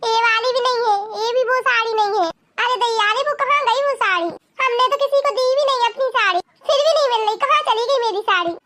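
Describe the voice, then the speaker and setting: A woman's voice: very high-pitched, fast. A woman voicing a bossy, scolding middle-aged mother-in-law in a cartoon. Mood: fretting. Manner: scolding, fussy. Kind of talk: cartoon voice acting. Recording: loud background noise.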